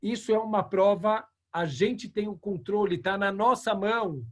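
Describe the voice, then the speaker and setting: A man teaching a religious ethics lesson over a video call, an animated storyteller who acts out the dialogue. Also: high voice, normal speed. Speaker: rabbi teaching a class.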